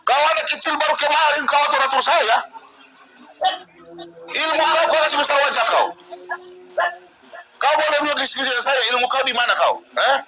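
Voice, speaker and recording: A man's voice: very high voice, steady tone, moderate pace, long pauses. A man, a pastor, angrily arguing and hurling insults in a heated debate. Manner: angry, shouting insults. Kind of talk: heated argument. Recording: loud background noise.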